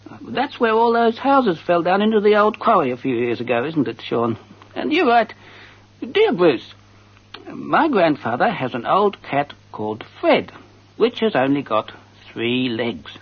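An actor playing an earnest radio advice host, answering letters in a mock-serious, deliberate, conversational way and speculating darkly. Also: male voice, on the high side, very animated, slightly rough, exaggerated voice. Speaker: advice show host reading listeners' letters. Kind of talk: comic radio monologue, reading and answering letters. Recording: slightly dull radio recording.

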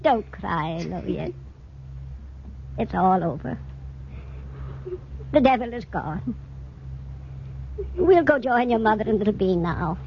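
An actress playing a frail old grandmother in a radio drama, speaking slowly with a quavering, tender voice. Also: fairly high pitch, expressive, slight background noise. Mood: soothing. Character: frail old grandmother, fearful then gently soothing. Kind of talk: 1940s radio acting. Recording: muffled old radio recording.

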